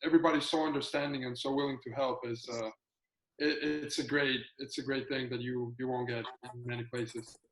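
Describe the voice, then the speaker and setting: A man's voice: mid-range voice, little pitch movement, brisk. A young man from Colombia, a student athlete talking eagerly over a video call, with lots of fillers and restarts. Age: young adult. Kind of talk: casual video-call chat. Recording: roomy video call audio.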